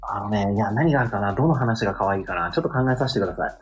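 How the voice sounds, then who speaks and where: A man's voice: on the low side, racing, breathy edge, faint music behind. A man chatting casually on a podcast over an online call, plainly shrugging off requests. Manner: matter-of-fact, shrugs off requests. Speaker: podcast co-host. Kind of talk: casual chat.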